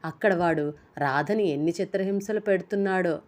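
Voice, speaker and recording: A woman's voice: fairly low pitch, normal speed, darkish tone, natural voice. A woman voicing a fretful young husband who panics over his missing wife in a storybook reading. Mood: panicked. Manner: anxious, whining.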